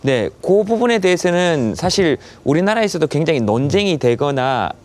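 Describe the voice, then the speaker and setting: A man's voice: on the high side, big pitch swings, normal speed, a little mellow. A man hosting a live broadcast interview in a conversational, teasing, jocular way. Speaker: talk show host.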